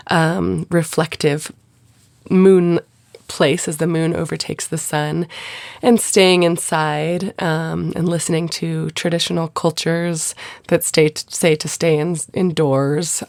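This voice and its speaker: A low-pitched woman with a gravelly, nasal voice, worn down by a lingering cold. She hosts her podcast in loose, chatty talk aimed straight at her listeners. The sound is close and dry, with no room around it. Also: a little mellow, no echo. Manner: chatty, addresses listeners directly. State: sick, congested. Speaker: podcast host. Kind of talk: casual podcast chat.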